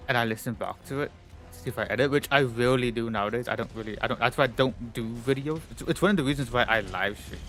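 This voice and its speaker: A man with a mid-range, fairly bright voice that sounds a little stuffy-nosed chats casually while gaming on a live stream. He rambles on, packing his talk with fillers like "like" and "you know."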